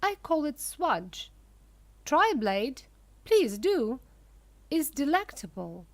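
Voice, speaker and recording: A woman reading aloud and voicing an eccentric, excitable male chocolate maker who gushes proudly over his creations. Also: high-pitched, takes it slowly, dry recording, pitched above the performer's own voice, exaggerated voice. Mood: gushing. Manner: gushing, showy and proud.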